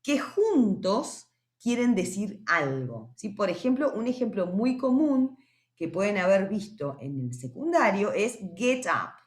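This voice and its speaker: A woman teaching English vocabulary in a recorded lesson. She explains patiently, often checking understanding and saying English words slowly and clearly. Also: mid-range voice, big pitch swings, roomy sound.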